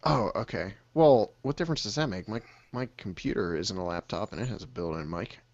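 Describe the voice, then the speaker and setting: Animated man hosting a casual podcast. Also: on the low side, no room sound, highs cut off. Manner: animated, joking, quick to laugh. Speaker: podcast host.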